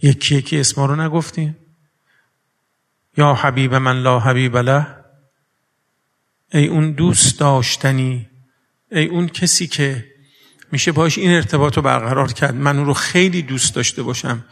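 Guy preaching a sermon, kinda high gravelly voice, lots of rhetorical questions, echoing hall. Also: a bit bright. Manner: earnest, full of rhetorical questions, mixing formal and everyday speech. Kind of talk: religious sermon. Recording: long reverb of a large hall.

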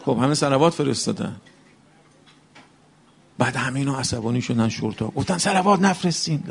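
A man's voice: mid-range voice, creaky, breathy edge. A man preaching a religious sermon, speaking with passion and firing off rhetorical questions to the congregation.

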